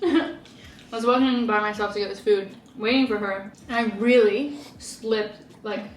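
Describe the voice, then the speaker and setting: A woman's voice: medium pitch, unhurried, distant mic. A young woman telling stories in a casual, chatty way while eating, with frequent laughs. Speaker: vlogger. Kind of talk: casual mukbang chat. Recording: echoey room, away from mic, faint noise.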